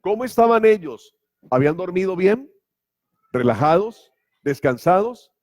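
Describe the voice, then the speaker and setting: A man's voice: high voice, very animated, measured pace, a little mellow. A man preaching a sermon as pastor, emphatic and full of rhetorical questions. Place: church.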